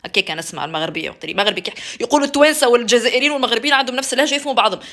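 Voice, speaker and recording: A young female vlogger with a Tunisian Arabic accent talks casually to camera, ranking dialects. Her voice is a little high, expressive and a bit bright, and she races along playfully, slipping in English phrases and mimicking other dialects.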